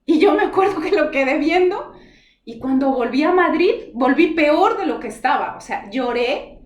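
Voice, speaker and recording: A woman's voice: high-pitched, animated, moderate pace, highs cut off. A woman giving an earnest, emotional personal testimony in conversation, acting out the dialogue as she tells it. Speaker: spiritual guide telling her story. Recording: roomy echoey sound.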